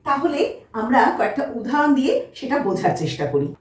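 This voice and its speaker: A woman teaching a children's spelling lesson, slow and patient, repeating each word twice. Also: high-pitched, very animated. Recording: echoey room, mic at a distance.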